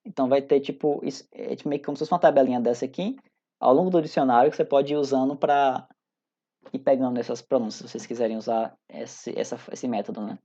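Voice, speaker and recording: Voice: mid-range voice, darkish tone. A teacher in their thirties with a Brazilian accent, giving a recorded class in an informal, chatty way, often hesitating and restarting sentences. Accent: Brazilian Portuguese. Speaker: English teacher. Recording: dull lo-fi audio.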